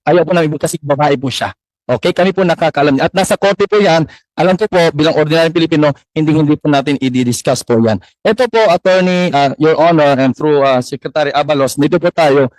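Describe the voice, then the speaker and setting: Isang lalaking ministro ng simbahan na taimtim, mapilit at magalang na nagpapatotoo sa isang pagdinig. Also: male voice, on the high side, dry recording, poor audio. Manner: earnest, insistent, very polite. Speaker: church minister testifying at a hearing. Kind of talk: formal testimony. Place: hearing room.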